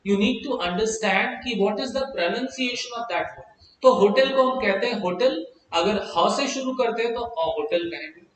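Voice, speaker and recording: Indian man, english teacher, high voice, slow deliberate delivery, very echoey room, distant mic. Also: fairly bright tone, slight background noise. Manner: explains slowly with drawn-out example words; mixes Hindi with English. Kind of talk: classroom grammar lesson.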